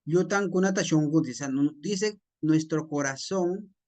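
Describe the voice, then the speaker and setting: A man with a Peruvian Spanish accent teaching a class, explaining a text slowly and checking in with his students. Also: fairly high pitch, a little mellow. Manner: slow, repetitive teacher talk with frequent tag questions.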